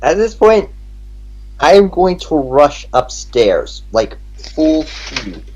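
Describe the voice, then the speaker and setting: A man plays a tabletop game, talking casually at a slow pace. His pitch moves around in a lively way. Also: muffled recording, a little hiss or hum.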